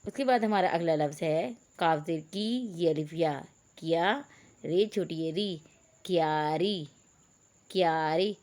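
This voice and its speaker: A woman teacher gives an online reading lesson for young pupils. She spells out letters one by one and repeats each word, calling the children beta. Her voice sits a touch low. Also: a little mellow. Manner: patient, spells out letters slowly.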